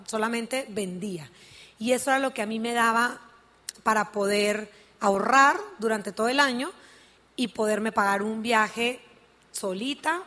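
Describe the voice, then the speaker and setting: A woman's voice: a little high, a bit bright. A young woman tells her personal story to an audience at a business event, speaking earnestly and often saying "pues". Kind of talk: personal story told on stage.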